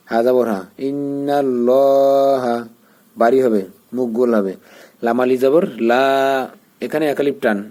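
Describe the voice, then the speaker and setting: A man's voice: mid-range voice, warm tone. A man teaching Quran recitation, patiently spelling out each letter and vowel mark and giving pronunciation pointers. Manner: patient, repeats syllables slowly, gives pronunciation pointers.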